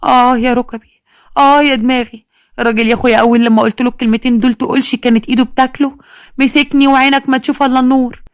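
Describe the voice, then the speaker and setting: A woman voicing a loud, battered Egyptian wife who wails, bargains and drops folk sayings. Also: high voice, fairly even intonation, racing, no echo, studio quality, voice pushed up. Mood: complaining, wailing. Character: battered chatty local wife, loud and complaining.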